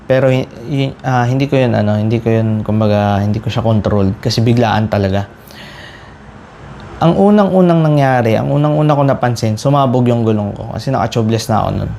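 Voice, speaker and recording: A man's voice: mid-range voice, a little fast, vocal fry, a little hiss or hum. A man casually telling a story to his viewers as a cycling vlogger. He talks animatedly and often restarts his sentences, and sounds exasperated about a bike crash. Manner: animated retelling with frequent restarts.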